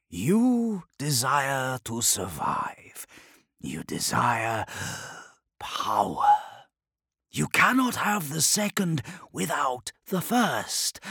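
A man reading an audiobook voices an ancient male demon who possesses a knight, speaking in slow, hissing, whispered threats with a gravelly, breathy sound. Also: on the high side, a bit bright, no room sound, clean studio sound, voice pushed up, heavily acted. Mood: tempting. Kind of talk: audiobook character voice.

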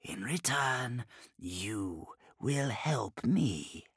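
A man reading an audiobook voices an ancient male demon who possesses a knight, speaking in slow, hissing, whispered threats with a gravelly, breathy sound. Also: mid-range voice, big pitch swings, no room sound, clean studio sound, exaggerated voice. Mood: tempting. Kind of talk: audiobook character voice.

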